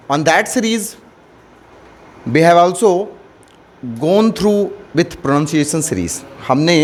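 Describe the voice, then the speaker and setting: An Indian man gives a measured English grammar lecture, pitched high for a man. He takes his time, mixing Hindi and English and echoing each point back to his students. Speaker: English teacher. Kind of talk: classroom lecture.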